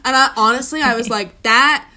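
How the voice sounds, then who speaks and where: A woman's voice: a little high, normal speed. A woman in casual movie chat, joking and acting out her own reactions. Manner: joking, animated asides with quoted reactions.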